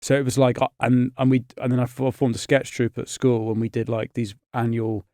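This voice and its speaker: A comedian in his thirties, raised in Scotland and England, rambles and interrupts himself as a guest in a podcast studio during a casual interview. His mid-range voice is flat, a little fast and darkish, recorded dry at studio quality.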